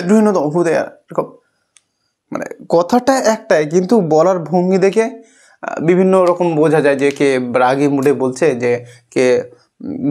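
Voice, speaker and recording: Guy teaching kids english, fairly high voice, keeps asking then answering, says okay a lot. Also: a little mellow. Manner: patient, asks the pupil questions and answers them himself; often says "okay" between points. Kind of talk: explaining an English lesson to young pupils.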